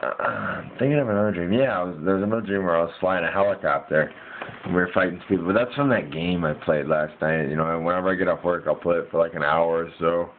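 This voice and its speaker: A man's voice: low voice, fast. A man casually rambles through a dream he had, piecing it together in a hazy, puzzled way with informal, slangy wording. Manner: informal slangy speech with mild swearing. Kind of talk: casual rambling first-person dream recounting. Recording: muffled lo-fi mic with hiss.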